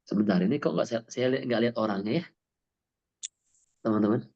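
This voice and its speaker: A man's voice: medium pitch, fairly quick. A man giving a talk as a parenting coach, emphatic, asking rhetorical questions and answering them himself. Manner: emphatic, asks and answers his own questions. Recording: dull lo-fi sound.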